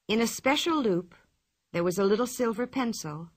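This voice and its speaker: A woman reading a children's storybook aloud in a clear, expressive, measured way. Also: a little high. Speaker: narrator.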